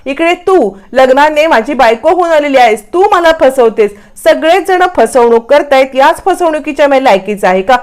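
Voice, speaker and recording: A man's voice: very high voice, expressive, normal speed, hardly any pauses. A woman voicing an angry young husband who feels betrayed, speaking in an accusing, bitter way.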